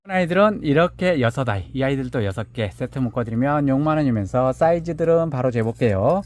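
A man showcasing handmade plant pots in a relaxed selling chat. His pitch moves up and down a lot as he talks. He measures each pot aloud and fondly calls the pots "little ones". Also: fairly quick. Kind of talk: product showcase live sale.

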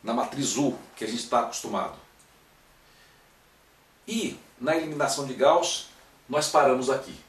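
A man's voice: medium pitch, lively intonation, normal speed, pauses often. Man explaining matrix steps, echoey room. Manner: explains step by step, checking in with "né?" and "ok?". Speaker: math teacher. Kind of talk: recorded classroom-style lecture. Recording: echoey room, mic at a distance.

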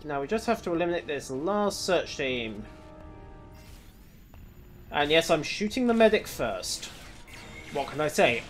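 A man's voice: a little high, a bit bright. Dry, wry man commenting on gameplay. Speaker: let's play host.

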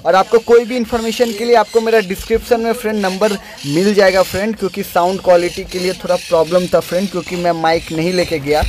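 Talking fast with hardly any pauses, a young man who breeds birds and vlogs delivers a chatty voice-over in a high, flat voice, calling the listener "friend" over and over. The narration was dubbed after filming without a mic on site, and the rough recording carries slight background noise.

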